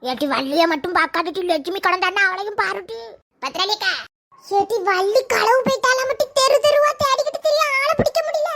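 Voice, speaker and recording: A woman doing a shrill, gossipy village neighbour. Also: brisk. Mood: worried.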